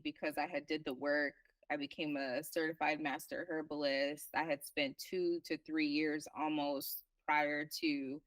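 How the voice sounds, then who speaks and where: A young woman from Liberia, a herbalist guest in an interview, speaking earnestly and reflectively with halting restarts. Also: deep voice, fairly bright tone, dry recording, distant mic, rough recording. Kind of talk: casual interview talk.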